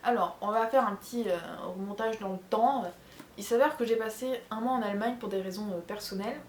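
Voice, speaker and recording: A woman's voice: a little high, fairly quick, echoey room. Young woman, Charente French accent, casual rambling chat, faint background hum. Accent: French from the Charente region. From France. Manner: chatty and rambling, many fillers and self-corrections. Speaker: vlogger answering viewer questions. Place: bedroom at home.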